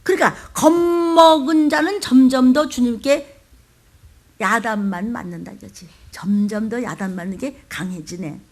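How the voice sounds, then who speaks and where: High-voiced older woman pastor preaching dramatically. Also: a little slow. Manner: dramatic, acts out scripture voices and calls on the congregation to respond. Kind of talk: sermon.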